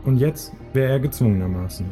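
A man narrates a scripted audio play, speaking straight to the listener with questions and instructions over music. His medium-pitched voice is mellow yet animated, and his pace is brisk.

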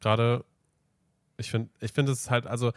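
A man's voice: mid-range voice, level tone, moderate pace, no room sound, studio quality. A man as a guest on a podcast in casual chat, hesitant, trailing off with fillers.

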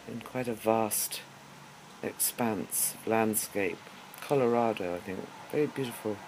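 An older man, giving a halting, wry personal monologue as host of his own audio series. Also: lowish voice, a little mellow, slight background noise, low-quality recording. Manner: musing, halting, with wry humour. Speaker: podcast host.

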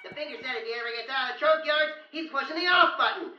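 A man's voice: extremely high pitch, racing, sharp tone, a little hiss or hum, full character voice. An actor playing a frantic, rambling man warning of danger in an audio drama. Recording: lo-fi, roomy.

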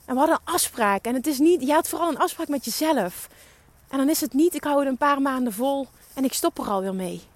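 A woman's voice: high-pitched, lively intonation, a little fast, no room sound. A young woman giving an emphatic, urging motivational monologue as a podcast host, swearing for emphasis. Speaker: podcast host and business coach.

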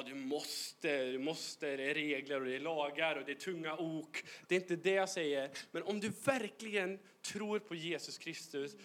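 A bright-toned man preaching in a church, lively and full of jokes. His voice sits high and sounds forceful, and he slips English phrases into his sermon. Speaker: youth pastor. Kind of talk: humorous sermon. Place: church hall.

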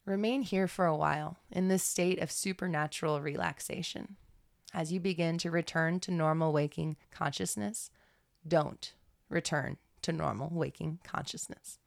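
A woman reading a guided meditation in a slow, soothing, measured manner. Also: low voice, vocal fry, dry recording, clean studio sound. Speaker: podcast guest reading aloud.

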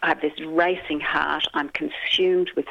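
An anxious young woman scientist, worn down by fear, speaks in halting bursts, as a speaker quotes her. The sound is dull and lo-fi, with a dry, close feel. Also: mid-range voice, fairly even intonation, gravelly, bright, forceful tone, no echo. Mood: distressed. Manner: distressed, halting.

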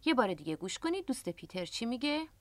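A woman with a somewhat high, animated voice hosts a radio language lesson. She explains each word patiently and step by step. The sound is close and dry, straight from a studio microphone. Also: dry recording. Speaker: English teacher and radio host.

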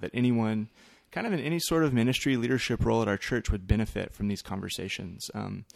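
A man with a slightly low voice hosts a podcast. He explains things casually, feeling his way through phrases in a halting, thoughtful manner. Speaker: podcast host, church pastor.

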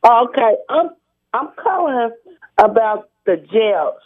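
A woman's voice: fairly high pitch, animated, husky. Woman caller on a tinny phone line. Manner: hesitant, halting, with restarts. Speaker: radio show caller. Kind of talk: call-in radio.

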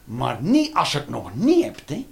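Animated man doing stand-up. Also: moderate pace, vocal fry. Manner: animated, swings between loud outbursts and low muttering, swears. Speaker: stand-up comedian. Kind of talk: stand-up comedy routine.

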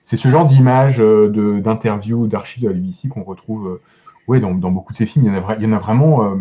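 A man chatting as a guest film critic on a podcast, enthusiastic but halting, with many restarts and fillers. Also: lowish voice, warm tone, muffled recording. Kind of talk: casual podcast discussion.

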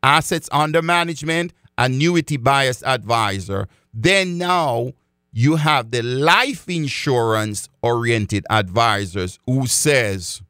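A man's voice: mid-range voice, expressive, takes it slowly, sharp tone, clean tone, dry recording, studio quality. A man giving a direct talk to his audience as a financial educator, speaking emphatically, repeating key phrases and calling his listeners folks.

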